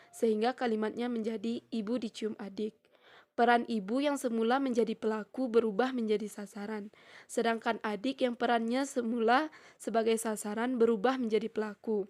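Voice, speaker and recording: A young adult woman, acting as a student presenter, reads a prepared lecture on syntax at a steady, measured pace. Her voice is slightly high, and she slows down to spell out each example sentence.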